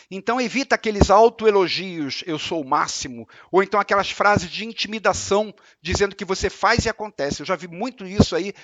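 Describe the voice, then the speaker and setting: Higher-voiced Brazilian man giving a spiritual lecture. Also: dry recording. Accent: Brazilian Portuguese. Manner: calm explanatory teaching, repeats points with examples. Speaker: religious lecturer.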